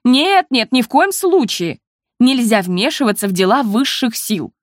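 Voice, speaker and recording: A woman's voice: fairly high pitch, very animated, moderate pace, no echo, studio quality. A woman reading an audiobook, voicing an exasperated older sister who scolds on the phone in a raised, reproachful tone. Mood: indignant.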